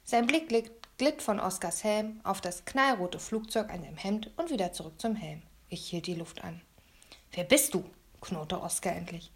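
A woman narrating a children's story in an expressive, animated way. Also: medium pitch, moderate pace, few pauses. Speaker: audiobook reader.

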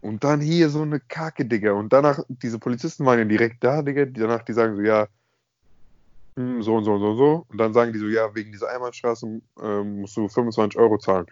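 A man's voice: medium pitch, fairly even intonation, fast talker, no echo. Young man, emphatic casual storyteller, dry slightly muffled call audio. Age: young adult. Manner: slangy, emphatic, peppered with filler address words. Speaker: podcast co-host. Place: at home on an internet call.

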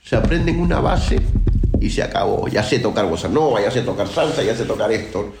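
A man's voice: on the low side, lively intonation, brisk, creaky, echoey room, very noisy. A man from Peru, a guest percussionist, talking outspokenly and emphatically in a casual interview, with many restarts.

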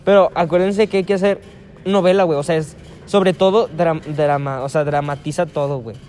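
A man's voice: a little high, fairly even intonation, brisk, a little mellow, slight background noise. A young man, a podcast host chatting casually and directing an improv scene in a bossy tone. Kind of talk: casual chat.

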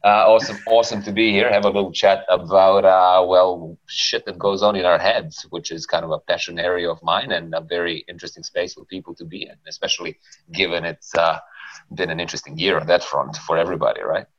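A man talks in a very low, relaxed voice, dropping casual swears and tagging his points with "right?". He is a guest psychologist on a casual podcast. The audio is dull and lo-fi. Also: fairly quick. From Serbia. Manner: relaxed, swears freely, often tags with "right?".

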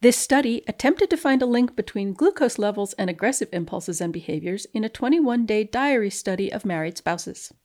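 Reading a research paper aloud as a guest, a scientist keeps a precise, deadpan delivery of its formal language for dramatic effect. Her voice is medium-pitched, darkish and animated, a little fast, with hardly any pauses.

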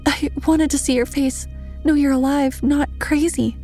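A woman's voice: moderate pace, vocal fry, darkish tone, slightly rough, soft background music, full character voice. A woman voicing a frightened young woman who talks in a breathless, frantic rush. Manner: breathless, high-pitched and frantic. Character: panicked young woman, frightened friend on a video call.

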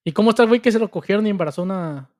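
A young Mexican man co-hosting a podcast, trading quick crude jokes and comebacks in casual banter. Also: sits high, a little mellow. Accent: Mexican Spanish. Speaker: podcast co-host.

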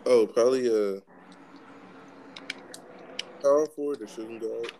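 A young man in a casual group chat, answering haltingly with many pauses and filler sounds. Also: mid-range voice, mellow, slight background noise. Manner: hesitant, lots of ums and pauses. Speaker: chat guest.

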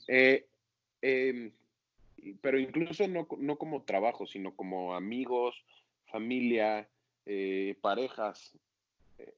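A man's voice: lowish voice, no echo, highs cut off. A man, an actor being interviewed, talking casually and acting out his own self-critical inner voice.

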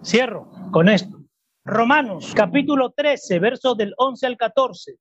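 A man's voice: very high-pitched, lively intonation, unhurried, highs cut off, crowd noise. A man preaching a sermon to a congregation, emphatic and full of rhetorical questions. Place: church service before a congregation.

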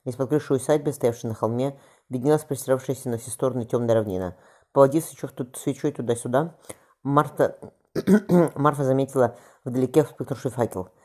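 Male audiobook narrator, rapid plain reading, mellow dark tone. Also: medium pitch. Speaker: audiobook reader.

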